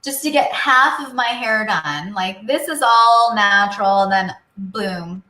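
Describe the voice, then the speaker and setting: A woman's voice: medium pitch, a little slow, sharp tone. A woman co-hosting a show in casual chat, talking informally and peppering her sentences with "like". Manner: informal, chatty, frequent "like". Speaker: show co-host. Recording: roomy echo.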